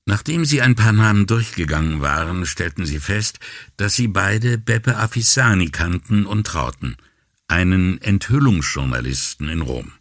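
A man narrating an audiobook in a measured, expressive manner. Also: sits low, no room sound, clean studio sound.

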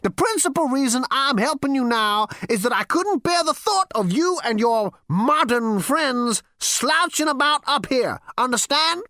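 A rasping, high, sing-song old male ghost out of a storybook, stern and tired of the living, as a woman reading aloud puts him on. The pitch climbs and swoops as he lectures. The sound is close and dry. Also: expressive, measured pace, few pauses, sharp tone, no room sound, heavily acted. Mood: weary. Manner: lecturing, commanding. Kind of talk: audiobook character voice.

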